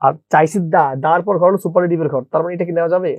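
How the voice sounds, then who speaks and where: A man with a somewhat high, darkish voice and fairly even intonation races through an English grammar lesson. He asks questions, repeats them, answers them himself, and calls the audience brother. The audio is dull, with no room sound.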